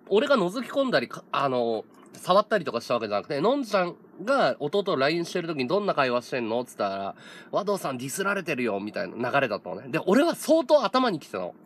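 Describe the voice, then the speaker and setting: A man in his thirties, a streamer, telling a story in casual chat, laughing often and acting out other people's lines. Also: a little high. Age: 30s.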